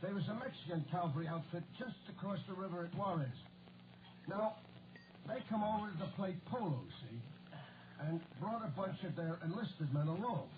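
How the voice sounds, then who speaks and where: A noisy, narrow old recording carries a jovial male army sergeant. His voice is high for a man, and he talks like a folksy yarn-spinner in 1940s radio drama. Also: lively intonation, moderate pace. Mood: jovial, reminiscing. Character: jovial old-hand American cavalry sergeant telling yarns.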